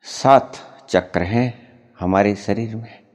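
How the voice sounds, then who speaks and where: A man giving a spiritual discourse as a teacher, explaining slowly and deliberately and repeating his key points for emphasis. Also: on the low side, darkish tone. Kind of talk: spiritual discourse answering a question.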